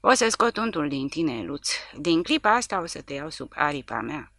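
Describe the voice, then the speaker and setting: A woman's voice: sits low, big pitch swings, a bit bright, no echo, exaggerated voice. A woman reading aloud, voicing a huge, brutal male corporal who roars and jeers menacingly. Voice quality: roaring, jeering.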